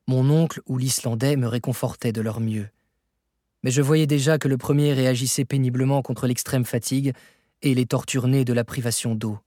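A man reading a classic novel aloud as scripted narration, measured and expressive. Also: medium pitch, no echo, studio quality. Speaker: audiobook reader.

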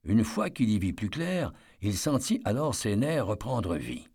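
A man reading a story aloud as narrator, with expressive storytelling. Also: lowish voice, measured pace, husky. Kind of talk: audiobook narration.

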